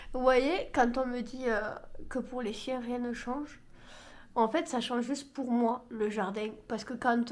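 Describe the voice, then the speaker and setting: A woman's voice: a little high, a little mellow. Stuffy-nosed young woman vlogging sick. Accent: regional French. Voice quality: nasal, blocked-nose sound. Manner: chatty, rambling, self-deprecating. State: stuffy nose, sick with a cold. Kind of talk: casual vlog chat. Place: at home.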